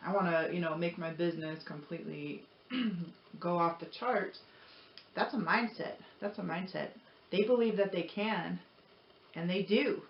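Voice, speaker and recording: A woman with a lowish voice speaks at a measured pace, talking personally and casually to viewers in an earnest, encouraging, rambling motivational-vlogger way. The sound is noisy and dull lo-fi, with a roomy echo.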